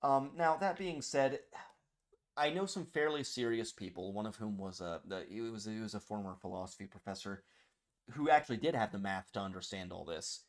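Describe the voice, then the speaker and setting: A man's voice: on the low side, normal speed. A man co-hosting a podcast in casual chat about a book, rambling with self-deprecating, profane humor. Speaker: podcast co-host.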